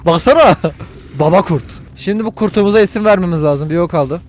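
A man giving let's-play commentary to viewers while he plays, excitable and full of crude jokes and swearing. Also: high voice, fairly quick. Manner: talks to viewers while playing. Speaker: gaming video host.

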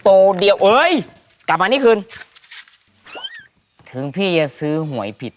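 A man's voice: sits high, wildly swooping pitch, measured pace, fairly bright tone, heavily acted. An actor playing a brash, stubborn male school gate guard who talks bluntly and coarsely.

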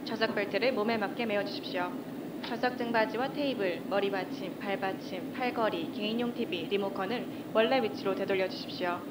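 A woman's voice: mid-range voice, a little fast, very noisy. A woman flight attendant reading a scripted airplane cabin announcement over the public address speaker in a polite, formal manner. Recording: distant cabin PA in a loud airplane cabin. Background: steady engine roar.

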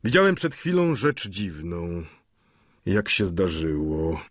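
A man doing a sly husky scoundrel. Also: deep voice, big pitch swings, slow, no echo, clean studio sound, heavily acted. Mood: gossiping. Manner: swaggering, mocking storyteller. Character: sly bold middle-aged male lodger, mocking.

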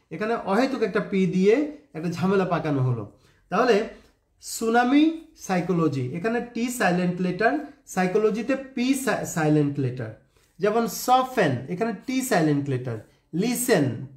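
Male tutor, high pitch, roomy sound; patient letter-by-letter spelling lesson. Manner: spells words out letter by letter, addresses viewers as friends. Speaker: English teacher.

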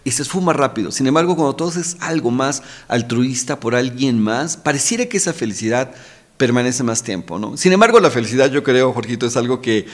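A middle-aged man speaks openly and earnestly in a mid-range voice. He talks in a warm-hearted, emotional way, stumbling over repeated words and tagging questions onto the ends of his sentences, the way guests do in a relaxed podcast interview. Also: medium pitch, a little fast. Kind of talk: casual heartfelt conversation. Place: podcast studio.

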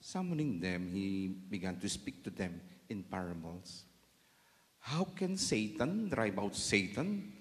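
Man reading scripture with cathedral echo. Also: medium pitch. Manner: measured, solemn reading cadence. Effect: cathedral echo, long church reverb. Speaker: clergyman leading mass. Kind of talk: liturgical Gospel reading. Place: large church. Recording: echoey church hall, long reverb.

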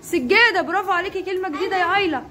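A woman's voice: extremely high pitch, very fast, crowd noise. A woman with an Egyptian Arabic accent teaching a class of young children, praising and prompting them by name. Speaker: kindergarten teacher. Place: busy classroom. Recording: classroom with background noise.

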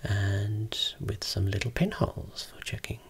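A voice whispering slowly and softly, showing eye-clinic equipment as an ASMR role-play optometrist. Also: deep voice, animated, husky. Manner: soft unvoiced whispering, explaining slowly.

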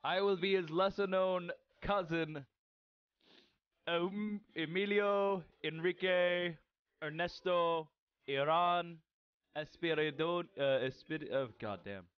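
A man's voice: sits high, slow pace, smooth, no echo, muffled recording. Rambling, cursing gaming commentator, man. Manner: rambling, joking, swears freely. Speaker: gaming channel host. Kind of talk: casual let's-play commentary.

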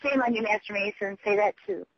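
In a lengthy, meandering voicemail captured on a phone, a man with a high-pitched voice stumbles along, loses his train of thought and swears. His intonation is fairly even, and the sound is dull and lo-fi with no echo.

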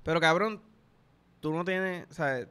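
Young puerto rican man, slightly high smooth voice, casual profane storytelling. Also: slow pace, pushed and bright. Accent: Puerto Rican Spanish. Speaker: podcast host. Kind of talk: casual chat.

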